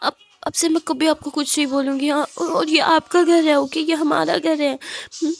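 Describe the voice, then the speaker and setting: A woman voicing an affectionate young woman who soothes her partner with soft, apologetic, coaxing words, in a spoken storybook retelling. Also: sits high, steady tone, brisk, vocal fry, pitched above the performer's own voice. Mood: soothing.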